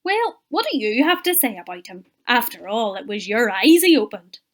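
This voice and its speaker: A woman's voice: fairly high pitch, sing-song, moderate pace. A woman voicing suspicious temple leaders who mutter and question in a children's Bible story. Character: doubting, grumbling temple leaders.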